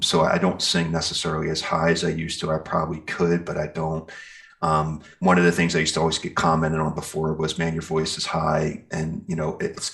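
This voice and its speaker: This middle-aged metal singer and guitarist talks casually in an interview, rambling and informally enthusiastic. His very deep voice is creaky but has a fairly bright tone.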